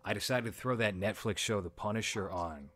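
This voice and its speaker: A man with a somewhat low voice co-hosts a casual podcast. He talks in a relaxed, opinionated way and swears now and then. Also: fairly quick. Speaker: podcast co-host. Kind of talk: casual chat.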